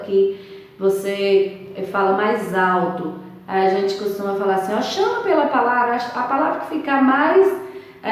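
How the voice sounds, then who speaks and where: A woman with a Brazilian Portuguese accent, teaching a primary school lesson, slow and emphatic, stretching key words. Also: on the high side. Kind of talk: remote lesson walkthrough. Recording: echoey room, voice far from mic.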